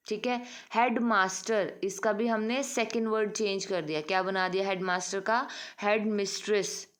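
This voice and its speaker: A woman's voice: mid-range voice, steady tone, moderate pace, smooth. A woman teacher giving an online English grammar lesson, mixing Hindi and English and checking in with her students with repeated questions. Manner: mixes Hindi and English, calls students "beta".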